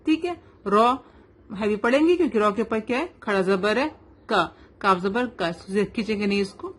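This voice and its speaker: A young woman teaching Quran recitation rules, patiently spelling out letters slowly and mixing English into her explanations. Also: medium pitch. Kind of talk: tajweed lesson, slow drilling.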